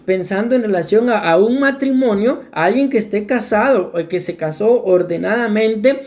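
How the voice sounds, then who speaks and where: A woman's voice: medium pitch, animated, normal speed, darkish tone. A woman preaching a sermon in a church, earnest and repetitive, often turning to address her congregation directly. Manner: earnest, repetitive, often calls listeners "my beloved brethren".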